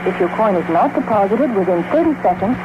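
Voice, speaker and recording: Recorded payphone operator voice, woman. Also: medium pitch. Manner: flat, formal, measured. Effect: recorded announcement heard over a payphone line. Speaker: automated payphone operator message. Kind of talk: scripted recorded prompt. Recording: muffled, noisy payphone line.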